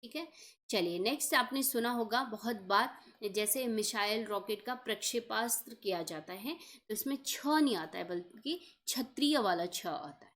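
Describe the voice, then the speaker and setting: A woman's voice: a little high, animated, normal speed, a bit bright. A woman teaching an exam-prep lesson, explaining each point step by step and checking in often.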